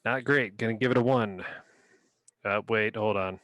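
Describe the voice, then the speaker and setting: A man's voice: fairly low pitch, moderate pace, a bit bright, no room sound, dull audio. A man co-hosting a podcast, rating dictionary words in casual chat and reading definitions aloud in a playful, rambling way. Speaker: podcast co-host.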